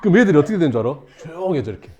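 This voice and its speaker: Animated male teacher telling a story. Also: medium pitch, fairly quick, a crowd in the background. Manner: animated, acts out shouts and screams, laughs while telling. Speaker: math teacher. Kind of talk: storytelling to a class.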